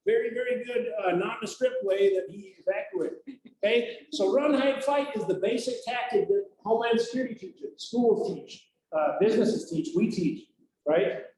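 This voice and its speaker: A man's voice: sits high, moderate pace, a little mellow. A middle-aged man, a police trainer, giving a casual, chatty safety training talk to a group at a workplace, often checking in with "right?". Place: large room at a workplace, in front of a group. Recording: very echoey room, faint noise.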